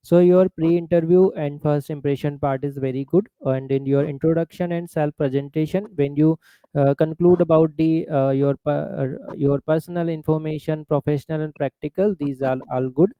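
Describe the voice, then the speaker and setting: A man with an Indian accent, an interviewer coaching a candidate with halting, instructive feedback. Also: fairly high pitch, fairly even intonation, clean tone, no room sound, muffled recording.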